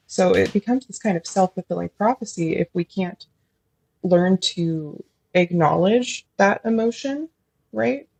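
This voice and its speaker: A woman's voice: lowish voice, unhurried, gravelly, a little mellow, husky, no room sound. A woman social worker as a podcast guest, talking thoughtfully and at length with many fillers. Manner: admits feeling nervous while explaining. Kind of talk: casual podcast interview.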